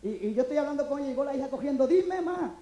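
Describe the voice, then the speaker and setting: A man's voice: very high voice, rapid-fire, mellow, highs cut off, a little hiss or hum. A Puerto Rican male preacher giving a fervent testimony in church and breaking into exclamations of praise. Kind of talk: testimony sermon. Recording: echoey church hall.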